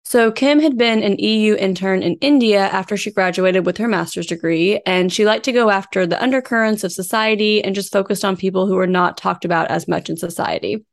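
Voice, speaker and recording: A woman's voice: mid-range voice, a little fast, creaky, few pauses. A woman co-hosting a true crime podcast, telling the case in an informal, conversational way from researched notes. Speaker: podcast co-host. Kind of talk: true crime podcast, case narration mixed with casual chat.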